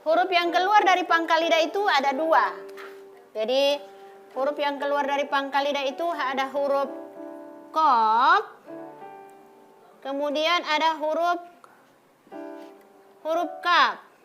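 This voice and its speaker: A woman teaching Quran letter pronunciation, slowly repeating example sounds. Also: high-pitched, fairly bright tone, soft background music. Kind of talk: televised religious lesson.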